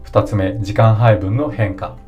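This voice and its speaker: A man hosting a solo podcast, explaining his points one by one in a calm, polite way. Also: on the low side, measured pace, lo-fi sound, soft background music. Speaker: podcast host.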